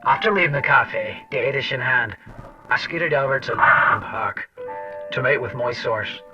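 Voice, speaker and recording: In a first-person audio drama, a man plays a wry, foul-mouthed intelligence agent who narrates his story and speaks dialogue in a sardonic, confiding, conversational way, addressing the listener directly. His natural, medium-pitched voice moves at normal speed from a distant mic. The sound is dull and lo-fi, like old radio, under music.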